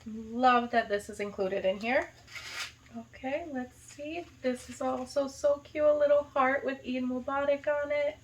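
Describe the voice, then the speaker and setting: This rough recording, with a faint hiss or hum, captures a young U.S. woman, a high school teacher and vlogger not natively Arabic-speaking, unboxing a gift. She speaks slowly in a slightly high voice, dwelling on her happy reactions. Every item gets enthusiastic gushing, full of "like" and "so cute."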